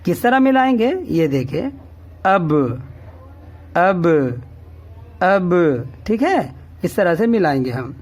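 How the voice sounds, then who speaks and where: A man teaching a reading lesson, speaking slowly and patiently. He drills each syllable over and over and keeps checking that the learner follows. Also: high voice, sing-song, a little mellow. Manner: slow, patient drilling, repeating each syllable three times; often asks "ٹھیک ہے؟" to check understanding. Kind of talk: classroom-style reading lesson.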